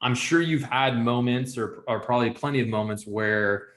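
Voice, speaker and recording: A man hosting a podcast, telling stories in a lively, casual way, full of "like" and "you know". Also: medium pitch, normal speed, echoey room. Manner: animated storyteller, peppered with "like" and "you know". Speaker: podcast host. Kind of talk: casual conversational storytelling.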